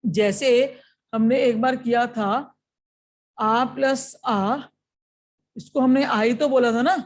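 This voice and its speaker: A woman's voice: on the high side, fairly even intonation, slow. A woman with an Indian accent teaching an exam-prep lesson, explaining step by step and checking in often with her students.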